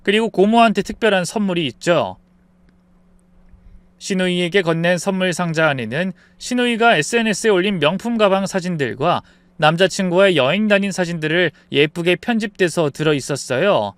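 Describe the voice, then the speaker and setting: A man reading a scripted first-person story as narrator, in a lively expressive manner. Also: high-pitched, moderate pace, smooth, no echo.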